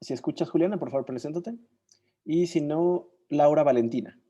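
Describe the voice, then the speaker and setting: A man hosts an online session, his voice mellow and warm in tone. He talks in a halting way, often pausing as he searches for words and names. The sound comes through a video call. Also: on the high side, dull audio. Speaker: moderator. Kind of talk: casual online session hosting.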